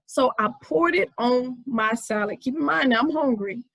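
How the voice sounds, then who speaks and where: A woman's voice: high-pitched, measured pace, creaky, fairly bright tone, no echo, poor audio. A woman in her forties hosting her own podcast, telling a story in a casual, conversational way with many fillers. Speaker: podcast host. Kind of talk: casual inspirational talk.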